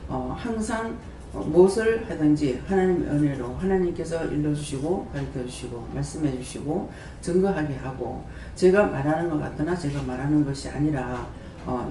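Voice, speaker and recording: Lively, roomy preacher heard from afar. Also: mid-range voice, a little hiss or hum. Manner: conversational preaching with rhetorical questions to the congregation; quotes scripture and acts out dialogue. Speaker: prayer house director preaching. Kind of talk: sermon. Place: prayer house church hall. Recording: roomy hall sound from a distance.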